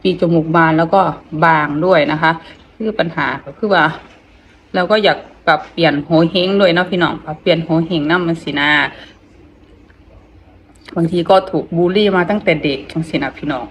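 A middle-aged woman with an Isan accent chats casually while eating, talking with her mouth full, haltingly, repeating phrases and murmuring between them. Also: lowish voice, slight background noise. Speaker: vlogger.

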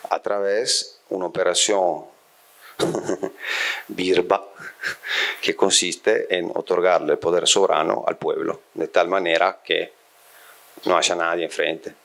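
A middle-aged Italian-born man lectures to a seated audience in a small bookshelf-lined room, holding a microphone close. His voice sits very low, and he keeps pausing to check that his listeners follow him. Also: little pitch movement, creaky, a bit bright. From Italy. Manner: frequent checking questions to the audience, thinking aloud. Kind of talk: university-style lecture to a live audience. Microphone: handheld microphone.

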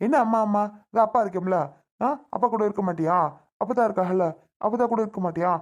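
A man playing a fast-talking stern father. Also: sits high, a little mellow, close to an everyday voice. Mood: exasperated. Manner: lectures and threatens in fast, irritated talk. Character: stern, impatient young father.

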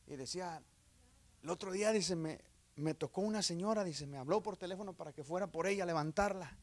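A man preaching an evangelical sermon, swinging from loud exclamations to hushed storytelling, with repeated phrases and calls of amen. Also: high-pitched, a little fast. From Texas, USA. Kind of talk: Spanish-language sermon.

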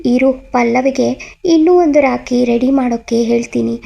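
A woman's voice: fairly high pitch, measured pace, creaky, warm tone, highs cut off, full character voice. A woman doing a breezy, joking young man. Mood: breezy teasing. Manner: teasing, light.

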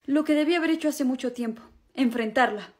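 A woman's voice: high-pitched, brisk, lightly acted. A woman playing a lovestruck, cocky young man, suave and melodramatic, in a comedy skit. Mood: determined.

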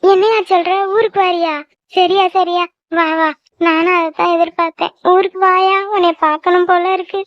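A tender mother who misses her son, played by a woman, speaks softly and emotionally in a very high cartoon voice. The sound is close and dry, with a slightly dull, lo-fi tone. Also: little pitch movement, brisk, no echo. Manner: soft, emotional. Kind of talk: cartoon voice acting.

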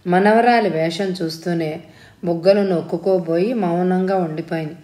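A woman narrating a story in a steady, even storytelling manner as an audiobook reader. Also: on the low side, normal speed. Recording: roomy echo.

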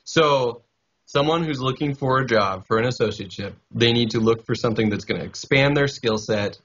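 A man's voice: mid-range voice, brisk, a bit bright, husky. A man in his thirties hosting a podcast interview, asking easygoing questions over a headset mic on a video call. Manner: easygoing, affirming listener. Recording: dull, lo-fi call audio.

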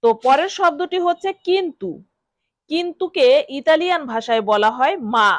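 A woman with a Bengali accent, teaching a vocabulary lesson and repeating each word slowly for learners to copy. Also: high voice, expressive, no echo. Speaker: language teacher. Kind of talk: instructional lesson.

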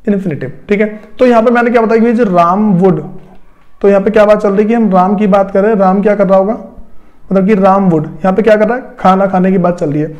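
A man with a voice that sits high, fairly even intonation and a darkish tone teaches an English grammar lesson at a quick pace. He explains step by step while writing on a board, repeats himself, and asks rhetorical questions aloud to his students. The sound is lo-fi.

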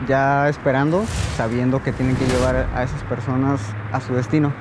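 A man, answering interview questions outdoors in a calm, measured way, often repeating words as he thinks. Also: mid-range voice, heavy background noise. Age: 30s. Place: outdoors at dusk near a border fence. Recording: music bed under the speech.

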